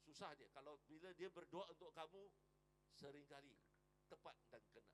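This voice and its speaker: A man preaching a Sunday sermon in church, telling stories with sudden loud exclamations, quiet asides and frequent checks with the congregation. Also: a little high, lively intonation, moderate pace, a little hiss or hum, low-quality recording. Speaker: pastor. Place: church during a Sunday service.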